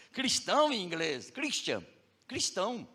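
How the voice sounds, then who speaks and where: Male Brazilian preacher, unhurried, animated sermon delivery with a wide-swinging voice. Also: sits high, in a large hall. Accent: Brazilian Portuguese. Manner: animated, emphatic, asks the audience questions. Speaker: pastor. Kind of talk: sermon storytelling.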